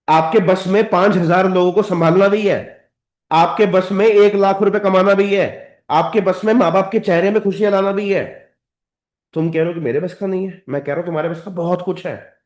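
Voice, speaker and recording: A man with an Indian accent delivers a motivational training talk in a roomy, echoey hall. His voice sits a little high for a man, and he lectures his audience directly, pressing each point home. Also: fairly even intonation, normal speed. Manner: direct, lecturing, addresses audience as sir and madam.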